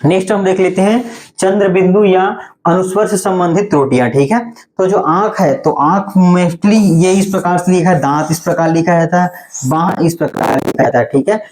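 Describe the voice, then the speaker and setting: A male teacher giving an online Hindi spelling class. He explains slowly and patiently, often stopping to ask whether it is clear. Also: high-pitched, darkish tone. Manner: explains patiently, often says "theek hai" to check in.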